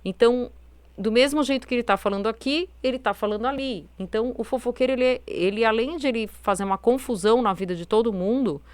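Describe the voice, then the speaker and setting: A woman's voice: a little high, quick pace, darkish tone, dry recording. A woman hosting a self-help video, talking casually with many fillers and a naturally firm tone. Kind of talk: casual advice monologue.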